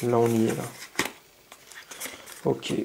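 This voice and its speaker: A man casually unboxing paints, chatty and enthusiastic, thinking aloud and haltingly reading labels. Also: mid-range voice, level tone, creaky, noisy background. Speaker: scale model hobbyist.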